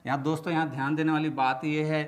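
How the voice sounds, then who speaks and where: A man's voice: a little high, flat delivery, fast. A man from India teaching spelling patiently, stretching out each syllable as he explains. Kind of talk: slow explanatory lesson.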